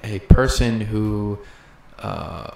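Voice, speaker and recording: A man's voice: on the low side, very slow, vocal fry, crowd noise. A man co-hosting a podcast, chatting casually and telling stories with easy laughs. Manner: easygoing storyteller, laughs as he talks. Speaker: podcast co-host. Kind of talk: casual chat. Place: room with a podcast table. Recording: roomy echo, faint ambient noise.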